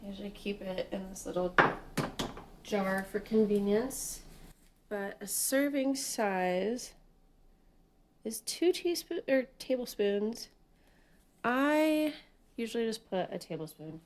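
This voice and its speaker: A woman in her late twenties chats to the camera in a casual home vlog. She talks slowly and easily, at a middling pitch, with fillers and small laughs. She sounds like she is recorded on a camera mic in her kitchen. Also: lively intonation, a little mellow. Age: 20s. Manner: chatty and unhurried, with fillers and little laughs. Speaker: vlogger.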